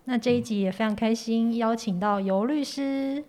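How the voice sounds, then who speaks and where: A woman's voice: fairly high pitch, normal speed, a little mellow. A woman hosting a conversational podcast in a Taiwanese Mandarin accent, slightly muffled by a face mask. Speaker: podcast host.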